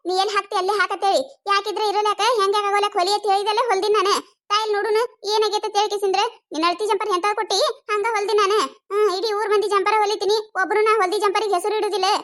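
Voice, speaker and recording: A performer voicing a proud village tailor woman with a North Karnataka accent who snaps back quickly in a cartoon comedy. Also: very high-pitched, fairly bright tone. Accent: North Karnataka Kannada. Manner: defensive, quick retorts.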